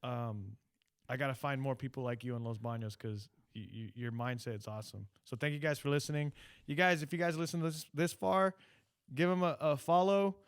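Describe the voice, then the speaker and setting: A man's voice: medium pitch, steady tone, brisk, smooth, dry recording, studio quality. A man hosting a podcast in a casual, informal, sweary way with loose phrasing. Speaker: podcast host. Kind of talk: casual chat.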